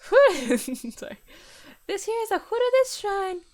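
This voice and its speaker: A woman voicing a cheerful, bubbly teenage girl in a visual novel, in a high, squeaky chirp. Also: very animated, normal speed. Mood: chirpy.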